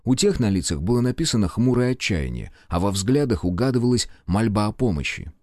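A man narrates a novel in a low, measured voice. The reading is even and controlled. The close studio mic gives a dry, roomless sound. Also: no echo. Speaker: audiobook narrator. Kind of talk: scripted narration.

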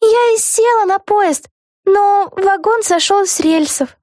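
A woman narrator voicing a young girl witch in a high, bright way. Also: takes it slowly, no room sound, studio quality. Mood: earnest. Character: young girl witch Vega and other girls.

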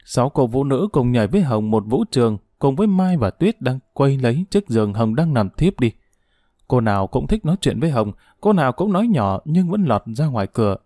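A man narrating a story audiobook in a steady, measured way. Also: mid-range voice, no room sound, studio quality.

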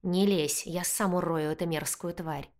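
A woman's voice: on the low side, fairly even intonation, unhurried, close to an everyday voice. Woman voicing an enraged sneering young guard. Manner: sneering, shouting insults. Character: arrogant hot-tempered young male guard.

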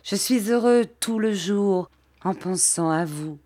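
A woman voicing a gentle young man who softly consoles his fiancée in an audiobook. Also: mid-range voice, slow. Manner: soft and soothing.

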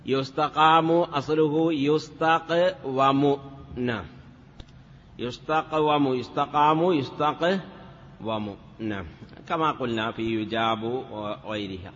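In a classroom grammar lesson, a teacher of Arabic morphology recites word forms in a sing-song chant, saying "yes" between steps. His voice is medium-pitched and fairly bright, slow-paced with long pauses, captured on a dull lo-fi recording with long reverb.

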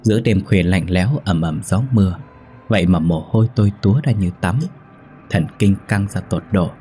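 A man narrating a ghost story in a steady, measured reading. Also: deep voice, faint music behind.

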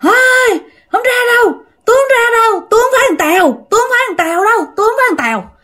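Brief: hungry possessing demon, small-boy voice, shrill and defiant, played by a woman storyteller. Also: animated, fast talker, bright, forceful tone, heavily acted.

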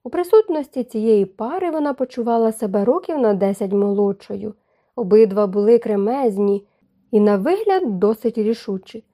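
A woman narrating a novel as an audiobook, in a measured, expressive reading. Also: a little high.

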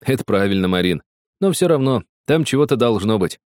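A man voicing a gentle, awkward chubby teenage boy who speaks timidly. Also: fairly low pitch, animated, fairly quick, dry recording, clean studio sound, voice pushed up, natural voice. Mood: earnest.

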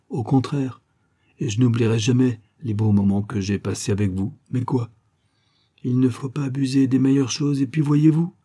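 A man's voice: medium pitch, dark tone, lightly acted. A man reading aloud, voicing a charming, carefree male hunter who speaks gallantly and resolutely.

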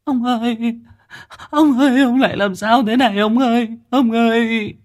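A man's voice: extremely high pitch, fairly even intonation, moderate pace, pitched above the performer's own voice. A man voicing a grieving middle-aged woman who sobs and wails. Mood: wailing. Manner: sobbing, wailing.

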